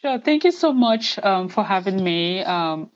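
A woman from Cameroon, a parent advocate, telling her family's story in an interview, soft-spoken and hesitant with many pauses. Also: mid-range voice, expressive, no room sound, muffled recording. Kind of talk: interview answers, personal story.

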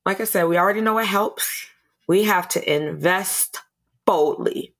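A woman's voice: lowish voice, a little slow. A woman speaking as an early childhood educator on a podcast interview, earnest and passionate, often restarting and repeating words.

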